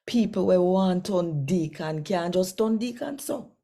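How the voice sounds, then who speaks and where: A woman with a Jamaican accent reads scripture aloud each day and talks casually to her viewers, warm and folksy, with conversational Creole phrasing. Her voice is on the low side, expressive, and unhurried.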